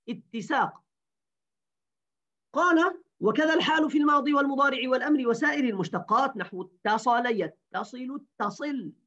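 A woman teaching a grammar lesson, repeating words slowly and quizzing her students. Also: on the high side, a bit bright. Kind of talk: grammar lesson to an online class. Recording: dull lo-fi recording.

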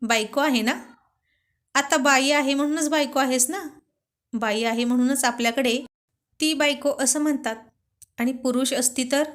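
A woman's voice: high-pitched, moderate pace, pauses often, a bit bright. A woman voicing a playful, affectionate young husband who teases and coaxes his wife in a storybook reading. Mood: teasing. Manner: teasing, coaxing.

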